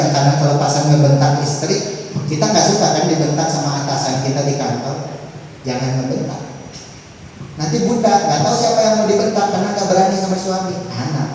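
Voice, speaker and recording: A man with a high voice gives a playful talk on raising children and often throws questions to his audience. He is recorded from far off in a large, echoey hall. Faint background noise sits under his voice. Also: a little fast, a little mellow. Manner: playful, quizzes the audience and acts out parent-child dialogue. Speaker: religious teacher leading a parenting seminar. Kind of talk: lively parenting talk to parents.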